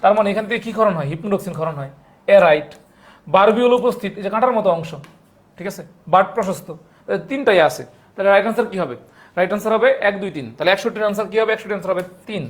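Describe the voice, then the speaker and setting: Fast-talking young man teaching biology live. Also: high-pitched. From Bangladesh. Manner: repeats each point several times, calls out viewers' names from comments. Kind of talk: live-streamed exam question review.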